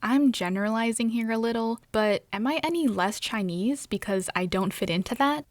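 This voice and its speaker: A New York woman who works as a journalist reads a scripted personal story, reflective and measured. Her voice sits a little high, and the studio-quality recording has no echo.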